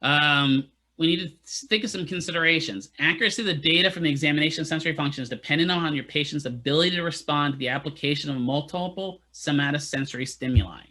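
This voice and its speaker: In a casual classroom lecture for physical therapy students, a man keeps checking in with "right?" and throws in joking asides. He talks quickly with few pauses, his voice fairly high, bright and forceful.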